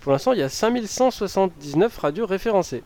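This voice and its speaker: A man's voice: sits high, expressive, quick pace, a crowd in the background. A man co-hosting a radio show, presenting listings in a casual way.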